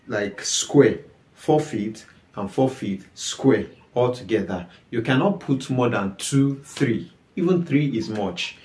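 A young man with a Nigerian English accent teaches to the camera at a middle pitch. He talks emphatically and keeps firing short questions at the viewer. The sound carries a lot of reflection from a small bare room. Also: darkish tone. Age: young adult. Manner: repetitive questions, emphatic, gestures with hands. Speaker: livestock farming teacher. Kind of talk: explaining to camera. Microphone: camera at medium distance. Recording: echoey room.

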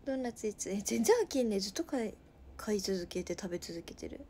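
A woman in her twenties from Nagasaki, chatting casually on a livestream with a Nagasaki dialect, reading viewer comments aloud and often dropping to a soft murmur. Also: mid-range voice, animated, quick pace, slight background noise. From Nagasaki, Japan. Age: 20s.

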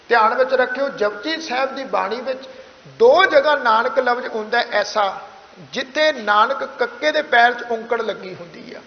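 A man with a Punjabi accent teaching scripture pronunciation, patiently repeating each phrase slowly and often asking whether his listeners understand. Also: very high voice, vocal fry. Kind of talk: recorded pronunciation lesson. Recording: echoey room, dull lo-fi sound.

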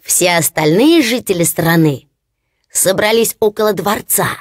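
A woman narrating a fairy-tale audiobook in an expressive storytelling manner. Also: medium pitch, unhurried, dry recording, clean studio sound.

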